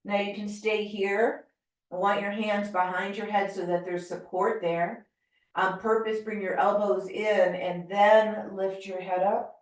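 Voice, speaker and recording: Calm woman teaching yoga in an echoey room. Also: medium pitch, unhurried, distant mic. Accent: American. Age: middle-aged. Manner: calm, gentle cueing of breath and movement. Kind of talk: guided yoga class instruction.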